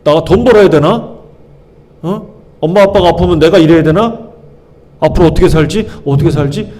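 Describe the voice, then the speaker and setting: A preacher puts on a high, whiny voice of a fretful schoolboy. The worried questions tumble out one after another, anxious and childish. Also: male voice, a little fast, warm tone, close to an everyday voice. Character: anxious fretting schoolchild, boy.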